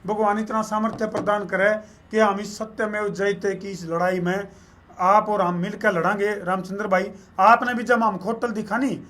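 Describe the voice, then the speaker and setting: A man's voice: high-pitched, flat delivery, normal speed, fairly bright tone. A man with a Haryanvi accent, a local journalist making an earnest, folksy appeal in an interview.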